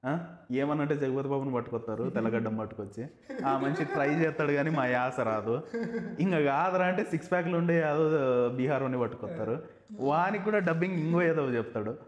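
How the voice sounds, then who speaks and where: A man with a Rayalaseema accent chats on a podcast, blunt and joking, slipping English words into his stories. His voice sits at an ordinary middle pitch for a man. The room around him is echoey. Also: a little fast, lo-fi sound. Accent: Rayalaseema (Anantapur) Telugu. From Anantapur village, Andhra Pradesh. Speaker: stand-up comedian, podcast host. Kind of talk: casual podcast chat.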